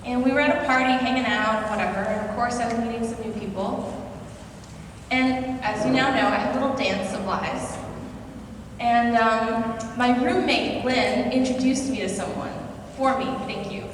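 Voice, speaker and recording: A young woman with an American accent, somewhat high-voiced, tells a personal story to a conference audience in a casual, self-deprecating way. She is picked up from a distance in a large hall, so her voice rings with long reverb. A steady hum of room noise sits under her words. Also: normal speed. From Singapore. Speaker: conference speaker. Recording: echoey hall, voice from far off.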